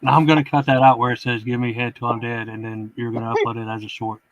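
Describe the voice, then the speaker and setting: Fast, flat-voiced teasing man. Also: mid-range voice, lo-fi sound, over a noisy crowd. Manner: teasing, quick. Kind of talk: casual group chat.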